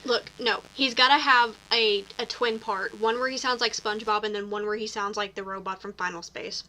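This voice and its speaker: A woman's voice: mid-range voice, steady tone, a little fast, bright, forceful tone. A woman co-hosting a casual gaming podcast, chatty and eager. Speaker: podcast co-host.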